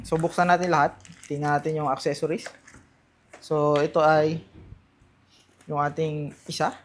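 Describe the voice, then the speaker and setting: A man with a Filipino accent doing a casual hands-on unboxing, halting a little as he thinks aloud. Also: fairly high pitch. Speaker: gadget vlogger.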